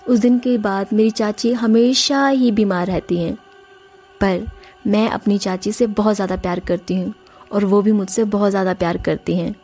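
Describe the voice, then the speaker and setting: A woman's voice: mid-range voice, fairly even intonation, normal speed, warm tone. A woman narrating a first-person horror story in an earnest, emotional way, speaking directly to her listeners. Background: faint music.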